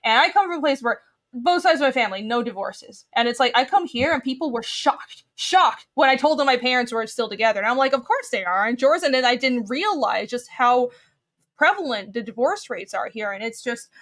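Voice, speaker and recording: A woman's voice: fairly high pitch, expressive, fairly quick, a bit bright. Opinionated young woman from Taiwan. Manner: opinionated, earnest, talks in long run-on thoughts. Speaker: guest. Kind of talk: casual podcast chat.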